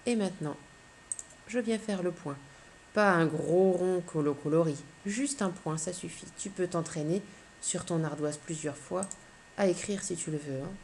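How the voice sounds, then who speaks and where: A lowish, darkish-toned woman's voice, with a bit of hiss or hum, guides small children through phonics. She goes slowly and clearly, patiently sounding out letters one after another.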